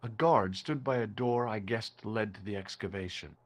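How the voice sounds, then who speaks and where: An actor voicing the wry, sarcastic protagonist who also narrates a video game. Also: male voice, on the low side, normal speed, slight background noise, close to an everyday voice.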